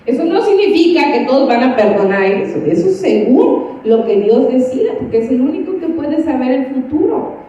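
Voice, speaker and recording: Woman minister, high animated voice, storytelling sermon; far off-mic in a very echoey hall. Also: moderate pace. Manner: lively storytelling, acting out both sides of conversations. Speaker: church minister giving counsel. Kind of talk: sermon with a personal testimony. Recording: echoey, distant, dull church recording.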